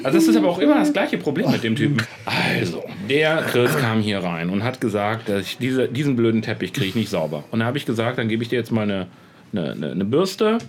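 A man's voice: mid-range voice, big pitch swings, a little fast, a little hiss or hum. A man co-hosting a casual podcast outdoors, teasing his friends in mock outrage, his voice jumping up when riled. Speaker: podcast co-host. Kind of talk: casual chat among friends. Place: outdoors at a city table.

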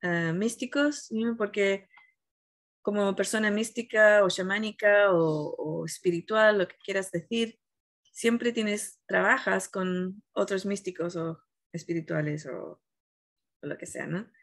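A woman spiritual teacher in a reflective, conversational talk, retelling a story in an animated way and often searching for the right word. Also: mid-range voice, a little slow.

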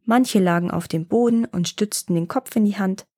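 A woman's voice: medium pitch, moderate pace, dark tone, no echo, studio quality. Woman reading a fairy tale. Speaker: storyteller.

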